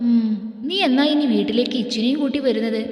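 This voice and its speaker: A woman voicing a warm, hopeful grandmother who coaxes fondly, recorded in an echoey room. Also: fairly high pitch, quick pace, soft background music, natural voice. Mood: coaxing. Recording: echoey room with long reverb.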